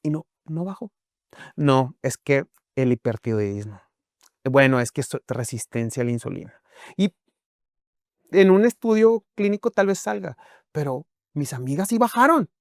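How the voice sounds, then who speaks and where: A man's voice: a little high, animated, moderate pace, no echo, clean studio sound. A man, a guest on a talk show, explaining his views with acted-out examples and rhetorical questions. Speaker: guest speaker on emotions and health.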